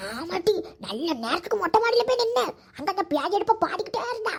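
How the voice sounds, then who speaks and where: Very high-voiced woman, scolding and stammering, comic sketch. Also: big pitch swings, quick pace. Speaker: comedy sketch performer.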